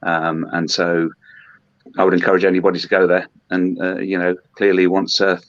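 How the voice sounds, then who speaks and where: A man from Hong Kong, a brewery representative, talking in a podcast interview with many pauses and restarts. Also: low-pitched, monotone, no room sound. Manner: hesitant, many ums and restarts. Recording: dull lo-fi dry sound.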